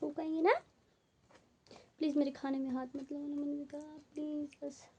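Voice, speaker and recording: A woman's voice: high-pitched, flat delivery, normal speed, warm tone, highs cut off. A young woman with a head cold, chatting casually to viewers as a family vlogger at home. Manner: chatty, talks straight to viewers. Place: home, indoors.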